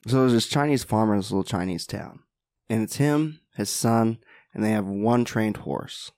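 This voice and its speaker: A man who is a podcast guest and mindset mentor, telling a parable in an animated, casual way and often asking "right?". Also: fairly low pitch, normal speed, no echo, studio quality. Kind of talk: casual storytelling.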